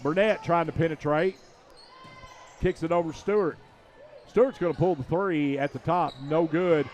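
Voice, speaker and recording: A man giving rapid, excited play-by-play of a high school basketball game from a school gymnasium, his voice jumping up on every shot. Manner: rapid, excited calls that rise on shots. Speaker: play-by-play announcer.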